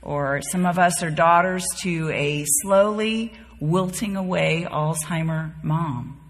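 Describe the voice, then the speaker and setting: A woman in her fifties, born and raised in the Bahamas and later living in North Carolina, leads a Bible study group in an informal, folksy, conversational style. Her voice is lowish and she takes it slowly, speaking to the group in a large room that echoes like a reverberant hall.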